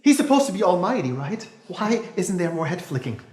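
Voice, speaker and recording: A man's voice: sits high, big pitch swings, fairly quick, roomy sound, in a large hall. An actor playing a bitter, cynical man who rants sarcastically and keeps correcting himself with nervous laughs. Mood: bitter ranting. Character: bitter, cynical adult man ranting about lost faith. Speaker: actor in a stage-style monologue. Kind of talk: dramatic monologue.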